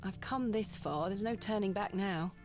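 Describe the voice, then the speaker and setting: A woman's voice: medium pitch, normal speed, over music, close to an everyday voice. An actress playing a composed, determined lady antiquarian with formal, wry delivery in an adventure game. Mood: composed, resolute. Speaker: video game protagonist. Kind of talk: adventure game voice acting and narration.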